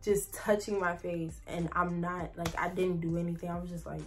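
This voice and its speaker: A woman's voice: on the low side, level tone, normal speed, faint music behind. Chatty young woman telling a story. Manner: chatty, rambling, heavy "like" fillers, addresses viewers as y'all. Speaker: vlogger. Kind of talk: casual storytime.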